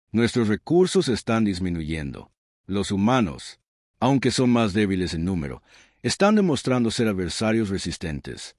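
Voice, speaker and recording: A stern alien queen speaks with calm, firm authority, as a man reading the story gives her lines. The voice sits fairly low but moves through a lively pitch range. The sound is dry and close, with no room around it. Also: dry recording.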